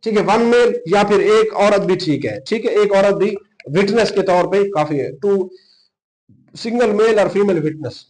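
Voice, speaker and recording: A man with a Pakistani accent and a high-sitting, darkish voice teaches a law exam-prep class informally at a moderate pace, explaining and dictating notes. He repeats key terms and mixes English legal and technical words into his Urdu. The recording is low quality.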